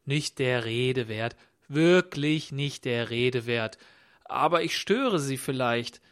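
A man voicing a clumsy, pushy insurance agent with smooth sales patter. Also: medium pitch, animated, slow. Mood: unbothered.

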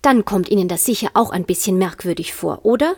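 A woman's voice: animated, a little mellow, husky. Alice: a woman doing a polite, flustered storybook girl, lifted and eager. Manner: eager, higher and quicker.

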